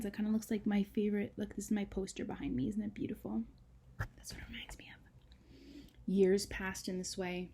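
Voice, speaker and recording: There is slight background noise as a woman of medium pitch reads a storybook to children in a teacher's manner. She uses dramatic emphasis, hushes her voice at moments, and breaks off for chatty asides to the kids.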